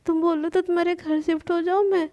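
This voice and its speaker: A woman's voice: very high voice, flat delivery, a little fast, dark tone. A woman voicing a playful, doting young woman in love who teases and soothes her partner. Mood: soothing. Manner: teasing and soothing, calls her partner baby.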